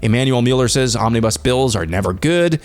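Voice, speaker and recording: A man's voice: medium pitch, expressive, fairly quick. A man hosting a daily news commentary show, giving blunt opinions and reading out listener comments. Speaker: host.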